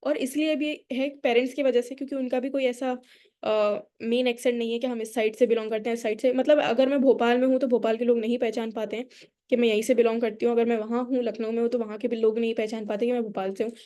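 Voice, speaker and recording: A woman's voice: a little high, fairly even intonation, fast talker, mellow. A woman from India with a neutral Indian accent, teaching a public speaking workshop in an explanatory way, mixing English into her Hindi and asking the audience questions. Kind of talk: workshop lecture.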